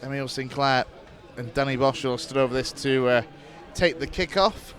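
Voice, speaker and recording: A man calling live football play-by-play for an internet club radio stream, brisk and steady, rising sharply when a chance comes. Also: mid-range voice. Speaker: football commentator.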